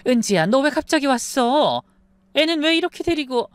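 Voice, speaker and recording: A woman's voice: high voice, expressive, normal speed, no room sound, voice pushed up. A woman voicing an anxious middle-aged mother who questions her daughter, in a dramatized story reading. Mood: worried.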